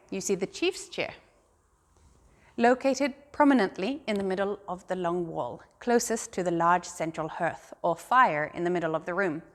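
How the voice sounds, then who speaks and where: A woman giving a scripted guided tour as a museum guide, explaining things in a calm, measured way. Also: mid-range voice.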